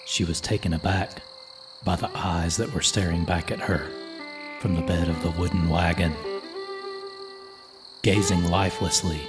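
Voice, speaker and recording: Man, very deep voice, solemn measured horror narration, clear music underneath. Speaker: storyteller. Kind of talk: scripted horror story narration.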